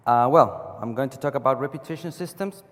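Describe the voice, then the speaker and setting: Fairly quick and mid-range in pitch, this Chilean man presents a technical talk at a conference. A long reverb from the large hall hangs on his words; he phrases things like a non-native speaker, restarts often and leans on a rhetorical "right?"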